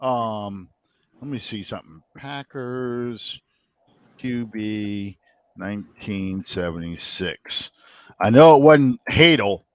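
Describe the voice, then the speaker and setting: A man's voice: fairly low pitch, slow, clear, resonant tone, no echo. A man from the New Orleans area hosting a casual sports podcast, rambling and thinking aloud with many ums. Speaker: podcast host.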